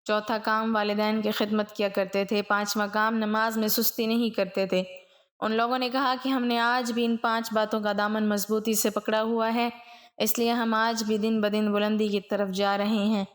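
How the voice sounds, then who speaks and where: A woman's voice: mid-range voice, little pitch movement. A woman telling a religious story in a solemn tone, speaking directly to her viewers.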